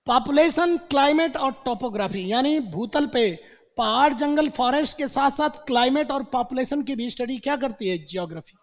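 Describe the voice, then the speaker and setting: A man's voice: extremely high pitch, animated, moderate pace. A man teaching vocabulary to a class, repeating words and quizzing students with questions. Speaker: English teacher. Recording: long hall reverb.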